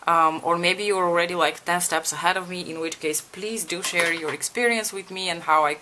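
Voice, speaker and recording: Background noise accompanies a young beauty vlogger from Bulgaria as she applies makeup and chats candidly, seeking viewers' advice and casually cursing. Her voice is on the low side, steady in tone and fairly quick.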